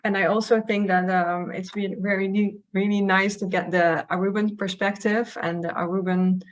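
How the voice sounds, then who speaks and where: A woman's voice: medium pitch, flat delivery, moderate pace. A woman hosting an online session informally, moderating questions in a hesitant way and searching for her words.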